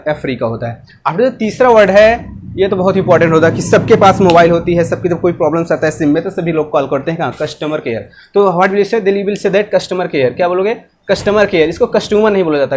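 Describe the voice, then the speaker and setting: Indian man teaching in a high voice. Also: a little mellow, a little hiss or hum. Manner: repetitive drilling with self-posed questions. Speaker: English teacher. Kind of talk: classroom-style explanation mixing English and Hindi.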